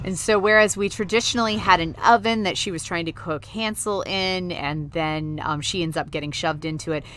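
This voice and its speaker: A woman's voice: on the low side, fairly even intonation, normal speed, a bit bright, soft background music. A woman, a horror historian, giving an enthusiastic film commentary and cursing as she reacts to scenes.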